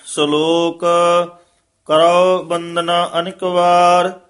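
Slow, monotone, high male student reciter.

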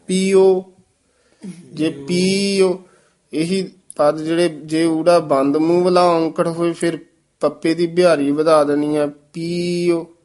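A man teaching scripture pronunciation. He recites lines slowly and then explains corrections in quicker speech. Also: a little high, flat delivery, darkish tone.

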